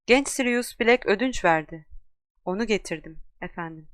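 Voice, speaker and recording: A woman voicing a huge, tearful, gentle male giant in an audiobook, loud and deferential. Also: mid-range voice, lively intonation, moderate pace, no room sound, clean studio sound, natural voice.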